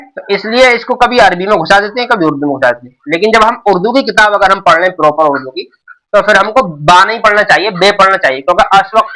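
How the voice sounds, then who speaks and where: A middle-aged Urdu teacher gives a beginners' alphabet lesson in classroom style, explaining patiently, repeating himself often and restarting many times. His voice is high-pitched with a sharp tone, and the recording is rough.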